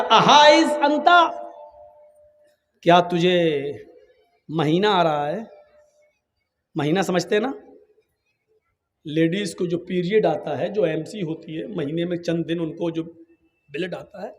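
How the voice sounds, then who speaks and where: A man from India with an Uttar Pradesh Urdu accent preaching an emotional sermon, acting out quotes and swinging from shouts to hushed asides. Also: sits high. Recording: long hall reverb.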